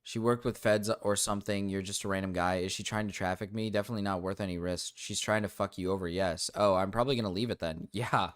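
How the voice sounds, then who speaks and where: An irritated young streamer rants to his chat in a low-pitched, steady voice, talking quickly with few pauses. He rambles with frequent restarts and fillers, and his voice drops low and cracks.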